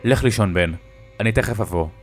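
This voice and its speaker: A man voicing a tough, hot-tempered middle-aged father who barks short, loud orders, read as part of a spoken horror story. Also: fairly low pitch, faint music behind, natural voice. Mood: angry.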